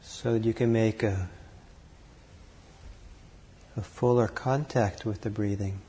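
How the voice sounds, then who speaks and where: A man leading a guided meditation, calm and unhurried, speaking in short phrases with long pauses between them. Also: fairly low pitch. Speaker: meditation teacher.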